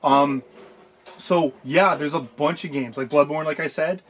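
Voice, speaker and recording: A man with a slightly high voice chatting casually on a podcast. He rambles and restarts often, piling up fillers as he talks through his thoughts. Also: steady tone, measured pace. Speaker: podcast co-host. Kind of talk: casual chat.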